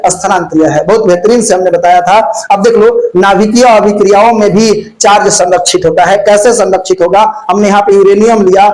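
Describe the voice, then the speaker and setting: A high-pitched, slightly mellow male voice leads a physics exam-prep lesson on a low-quality recording. The man chats in a folksy manner, raising questions and supplying the answers himself. Insects fly around the lit classroom.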